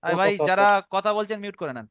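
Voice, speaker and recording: A man's voice: high-pitched, expressive, fast, muffled recording, a loud crowd. A man teaching a Quran reading class over an online call, drilling pronunciation by repeating words.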